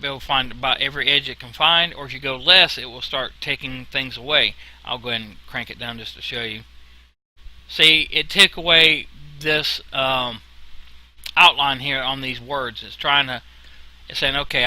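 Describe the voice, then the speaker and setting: A man giving an informal software tutorial in a casual, folksy way, with a whistle on his s sounds. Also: medium pitch, low-quality recording. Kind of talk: informal screen-recorded tutorial narration.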